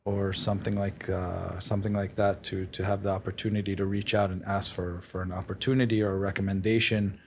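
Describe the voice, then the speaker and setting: A man born in Israel and raised in New York talks as a podcast guest. His voice is low and very flat, and he speaks hesitantly and modestly, pausing often. Faint noise sits under the recording. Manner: hesitant, many fillers and restarts, modest. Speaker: guest, real estate company president. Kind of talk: podcast interview.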